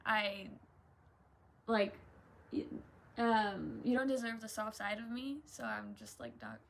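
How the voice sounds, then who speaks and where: A woman's voice: medium pitch, sing-song, takes it slowly, gravelly, slight background noise. A young adult woman chatting casually and rambling in a laid-back stoner drawl, trailing off and prone to giggles. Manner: giggly, often breaking into laughter. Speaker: vlogger. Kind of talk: casual rambling solo chat.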